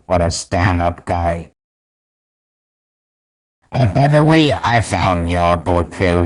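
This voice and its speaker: Comic-book goblin villain, male actor: very deep, unhurried, taunting and theatrically cruel. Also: poor audio. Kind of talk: comic dub voice acting.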